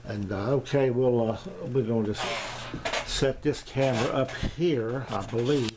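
A medium-pitched man with a steady tone, middle-aged or older, casually reviews his equipment without a script as an amateur radio hobbyist. He rambles, hesitating often and at length, in a small indoor home radio room; the home camera recording is noisy.

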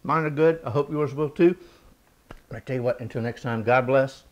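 A man hosts a cooking demonstration in a loose, chatty way. His voice sits at an ordinary middle pitch, and he keeps breaking into eager exclamations and easy laughs as he talks the viewer through the recipe. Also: lo-fi sound. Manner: enthusiastic and chatty, quick chuckles and exclamations. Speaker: cooking show host.

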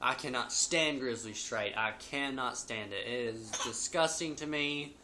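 Bright-voiced young man talking around chewing tobacco. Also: mid-range voice, a little slow. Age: 20s. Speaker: video host. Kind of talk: casual product review chat. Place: living room at home, indoors. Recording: noisy home webcam recording.

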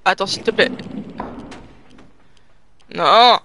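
A let's play gamer giving live gameplay commentary, thinking aloud and bursting into excited urging. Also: medium pitch, a little fast.

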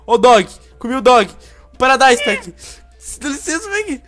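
A young man with a Brazilian Portuguese accent playing an online game with a friend, loud and excitable, yelling at the screen. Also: very high-pitched, normal speed, faint music behind. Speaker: gamer. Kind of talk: excited co-op gameplay chatter.

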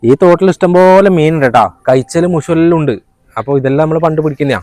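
Outdoors beside fields and water, a father acting as a vlog companion explains local spots in a casual, colloquial way. He has a northern Kerala accent and a fairly high, darkish voice, and he talks quickly. There's no room sound.

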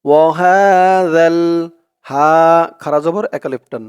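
Teaching tajweed, a man with a voice on the high side and a darkish tone names every letter and vowel mark of a Quran verse in his Bangladeshi Bengali accent. He then recites the verse as a slow, drawn-out chant.

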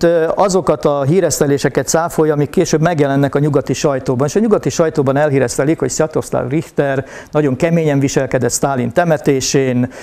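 A man delivers a university history lecture, his voice sitting a little high yet soft and mellow in tone. He speaks haltingly, filling gaps with drawn-out hesitation sounds, and addresses his audience with polite formality. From Hungary. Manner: hesitant, frequent filler sounds.

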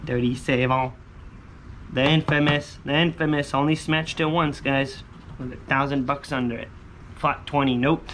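A man in his thirties, medium-pitched with fairly even intonation and a moderate pace, vlogs casually while scratching lottery tickets. He's outside on a covered patio by the pool, slangy and repetitive, muttering hopefully to himself amid outdoor ambient noise.

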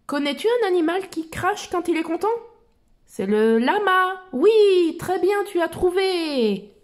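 Woman voicing a high, lively young explorer girl for a kids' storybook, cheerful quizzing tone. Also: unhurried. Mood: cheerful, questioning. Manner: bright, questioning, quiz-like. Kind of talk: children's storybook reading.

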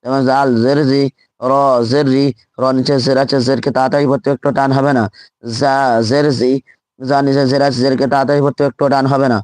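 A man's voice: mid-range voice, little pitch movement, fast talker, a little mellow, no room sound. A man teaching Quran reading in a live online lesson, drilling letters and syllables aloud and repeating each one patiently.

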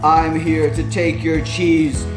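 Brief: man playing a pompous outer-space alien, slow, a touch high, echoey kitchen with music behind. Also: flat delivery. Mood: grandiose.

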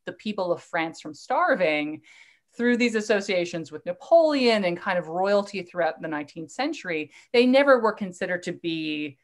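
A woman's voice: lowish voice, expressive, moderate pace. A middle-aged woman lecturer answering questions in a live online talk, eager and digressive, often restarting her sentences. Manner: enthusiastic, digressive, with fillers and restarts.

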